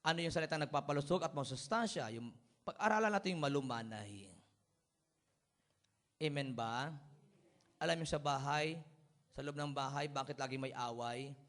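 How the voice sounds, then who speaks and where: Guy preaching a sermon, kinda high voice, jokey, keeps asking amen and laughing. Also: moderate pace, pauses often, fairly bright tone. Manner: humorous, often asks the congregation for amens; chuckles while telling everyday stories.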